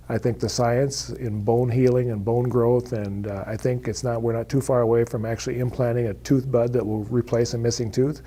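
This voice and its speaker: Flat, warm-toned man in a brisk interview. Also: medium pitch. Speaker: dentist. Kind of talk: interview answers.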